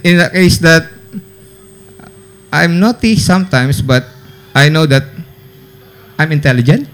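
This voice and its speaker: A man with a Filipino accent, a teacher answering questions in a casual school radio interview, playful and joking, often restarting his sentences. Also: sits high.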